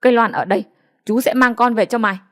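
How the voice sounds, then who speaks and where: Vai: một phụ nữ đọc ông chú làng nóng nảy, hô hào giận dữ. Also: female voice, fairly high pitch, fast talker, close to an everyday voice. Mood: furious. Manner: angry and rallying. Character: hot-tempered middle-aged village uncle.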